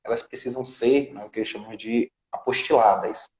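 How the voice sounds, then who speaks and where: A man with a Brazilian Portuguese accent, a citizenship law specialist appearing as a guest, walks through a legal process step by step in interview talk and keeps checking in with tag questions. His voice is mid-range, fairly quick, with fairly even intonation. The recording is rough and echoey.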